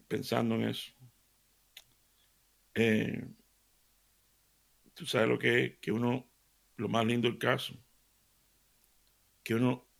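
On the radio, a middle-aged preacher gives a devotional sermon in a medium-pitched voice with vocal fry. His stories are animated, full of laughter and voiced dialogue.

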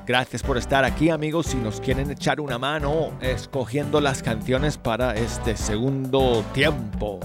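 Slow-talking male radio host with braces. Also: medium pitch, over music. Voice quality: slightly slurred articulation from dental braces. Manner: chatty, self-deprecating, effortful articulation. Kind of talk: casual music show presenting. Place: radio studio.

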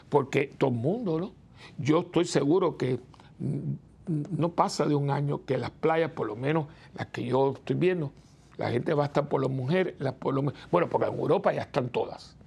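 Gravelly-voiced priest talking with his listeners. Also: fairly high pitch, fairly quick, darkish tone. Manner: chatty, asks the listeners rhetorical "¿no?" questions; acts out the people he quotes. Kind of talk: conversational preaching talk.

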